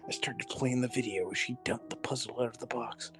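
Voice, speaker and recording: A man reading a joke post aloud in a deadpan, mock-dramatic way with long pauses. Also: mid-range voice, music in the background.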